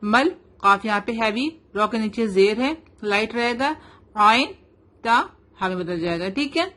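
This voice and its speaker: Woman teaching recitation slowly, letter by letter. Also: mid-range voice, fairly bright tone. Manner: patient, spells letters slowly, mixes English into explanations. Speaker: Quran teacher. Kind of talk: tajweed lesson, slow drilling.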